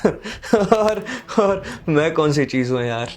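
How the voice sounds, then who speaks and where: A man's voice: fairly high pitch, animated, takes it slowly, faint music behind. A young man acting a scornful, lecturing rich boyfriend in a dramatic short film. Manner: scornful, lecturing, raises voice in arguments. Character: arrogant wealthy young man, contemptuous and moralizing. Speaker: actor playing Sahil, a rich boyfriend.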